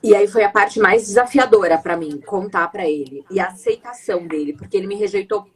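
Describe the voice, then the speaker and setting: A woman, a guest telling her personal story in an emotional, animated way. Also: medium pitch, brisk. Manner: emotional, animated retelling with many restarts.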